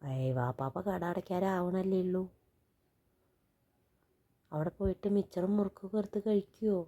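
A woman chatting gently with a small child at home, coaxing and reassuring in a calm, patient way. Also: on the low side, normal speed. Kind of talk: casual chat with a small child.

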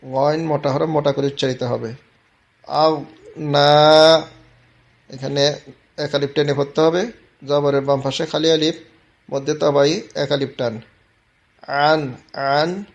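A man with a Bangladeshi Bengali accent teaching Quran tajweed, explaining each letter and stretched vowel step by step in a steady instructional tone. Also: fairly high pitch, creaky. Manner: explains letter by letter, then chants verses slowly and loudly. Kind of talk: slow, step-by-step recitation lesson.

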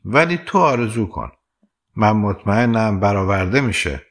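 A man's voice: on the low side, lively intonation. A man voicing an earnest young foreign man who is jealous and tender, speaking plaintively in an audiobook.

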